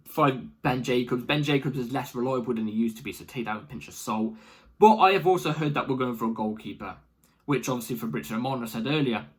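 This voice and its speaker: This man runs a football fan channel and offers loose, animated opinions, circling back and repeating points to drive them home. His mid-range voice has a breathy edge.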